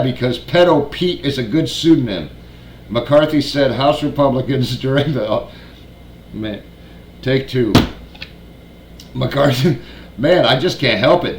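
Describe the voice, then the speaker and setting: A man with a lowish voice reads news aloud, then cuts in with blunt, scornful remarks and free swearing. His voice carries a roomy echo, with faint ambience underneath. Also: slight background noise. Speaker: prepper channel host.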